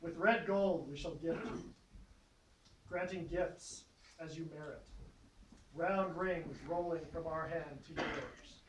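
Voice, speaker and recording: A man presiding over a knighting ceremony in a solemn, regal, formal and measured declamatory way. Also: a little high. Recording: echoey, distant mic, faint noise, clicks.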